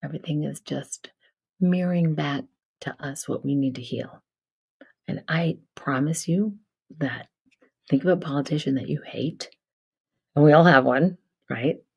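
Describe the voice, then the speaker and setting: A woman hosting a live stream, telling spiritual stories casually, swinging between loud bursts and soft near-whispers. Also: deep voice, unhurried, gravelly, pauses often, slightly rough. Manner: casual, swears, repeats herself. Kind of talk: spiritual storytelling chat.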